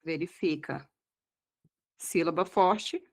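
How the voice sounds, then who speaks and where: Low and darkish in tone, this woman speaks with a Brazilian Portuguese accent as she teaches exam-prep grammar one step at a time. Her style is didactic: she keeps asking "tá?" or "tá bom?" and slows her delivery to stress the key words.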